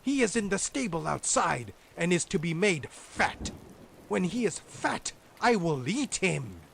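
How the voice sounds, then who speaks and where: A man voicing a wicked old woman, a witch who is mocking and greedy, in a shrill, commanding voice. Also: very animated, unhurried, vocal fry, a bit bright, slight background noise, exaggerated voice.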